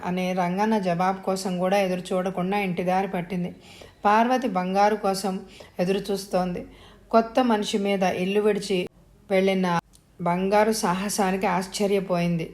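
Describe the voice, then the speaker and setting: A woman storyteller reading an audio story in a steady, even narration. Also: mid-range voice, normal speed.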